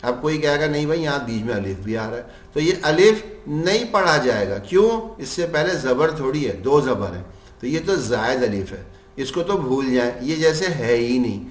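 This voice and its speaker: A man teaching Quran recitation rules. He puts questions to his class and answers them himself, and he chants the example verses slowly. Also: mid-range voice, lively intonation, echoey room.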